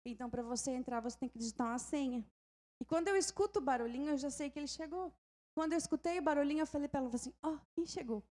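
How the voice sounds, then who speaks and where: A woman pastor with a Brazilian Portuguese accent preaching a fervent sermon, moving from calm storytelling to loud exhortation and often calling out to the congregation. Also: high voice, racing.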